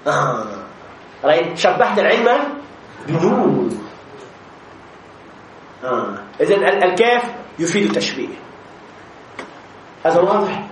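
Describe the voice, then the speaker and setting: A man teaching a grammar lesson to a class, repeating examples slowly with many drawn-out fillers and checking that students follow. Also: sits high, sing-song. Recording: echoey room with faint noise.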